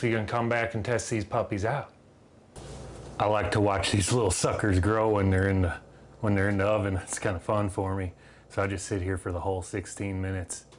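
A man's voice: lowish voice, a little hiss or hum. A man with a Southern accent casually demonstrating a recipe in his kitchen, talking in a folksy, rambling way with loose grammar and plenty of filler words. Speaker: home cook demonstrating a recipe.

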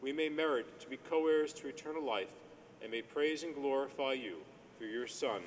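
A male priest reciting a Eucharistic prayer formally and reverently, with cathedral-like echo around his voice. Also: normal speed. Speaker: priest at Mass. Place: large echoing church. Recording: long church reverb, faint rumbly noise.

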